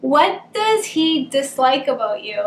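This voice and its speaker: A woman's voice: high voice, very animated, slow pace. A woman with a Boston accent hosting a casual couple Q&A at home, chatty and rambling, laughing often. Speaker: channel host. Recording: roomy, distant camera sound.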